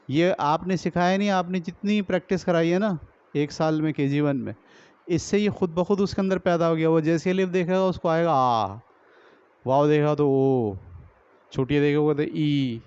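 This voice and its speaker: A man training teachers, explaining step by step, asking and answering his own questions and sounding out drill words slowly, with a Pakistani Urdu accent. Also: on the high side, a little mellow, clear, resonant tone, no echo. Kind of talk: lecture on teaching reading. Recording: dull lo-fi recording.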